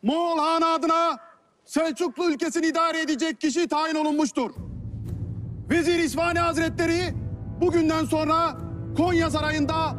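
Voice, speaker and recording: An actor playing a town crier in a historical drama, proclaiming a decree in a loud, drawn-out, formal call. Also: male voice, very high-pitched, fairly even intonation, soft background music.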